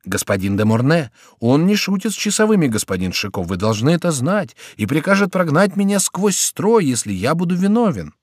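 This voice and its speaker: A man's voice: a little high, big pitch swings, a little mellow, no echo, clean studio sound, pitched above the performer's own voice. A man playing a polite, fussy gate officer. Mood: insistent. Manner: courteous, apologetic, hurried.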